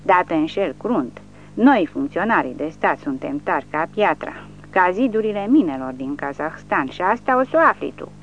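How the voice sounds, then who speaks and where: Reader putting on a drunk loudmouth soviet official guy, keeps yelling and ranting, audiobook kinda muffled w faint hum. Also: high-pitched, sing-song, exaggerated voice. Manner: ranting, shouting insults. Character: drunk bullying male Soviet village official.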